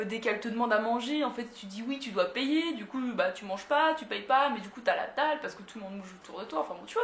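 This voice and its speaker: A woman's voice: a little high, a bit bright, slight background noise. A young woman from France telling a story in a casual, slangy way, laughing often. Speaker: vlogger. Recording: roomy echo.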